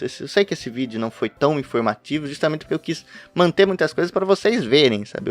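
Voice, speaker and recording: A man's voice: mid-range voice, creaky. A man chatting casually to his webcam about a favorite manga, rambling and laughing between thoughts. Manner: rambling, self-interrupting, laughs often. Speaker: podcast host reviewing manga. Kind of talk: casual talk to camera. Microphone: webcam setup at home.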